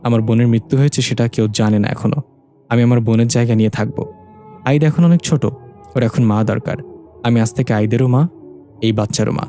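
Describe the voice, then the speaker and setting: A grieving woman who pleads and apologizes through tears, as a male narrator voices her. Her lines are read in his own mellow voice, with soft music behind. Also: medium pitch, a little fast, pauses often, lightly acted. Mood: pleading. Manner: pleading, tearful. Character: grieving, tearful adult woman, the dead mother's twin sister.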